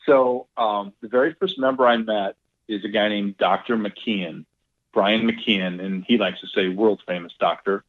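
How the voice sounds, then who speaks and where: A middle-aged man, a golf club owner, telling a lively casual story and acting out quoted dialogue, with some swearing. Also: on the low side, a little slow. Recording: tinny phone-like line.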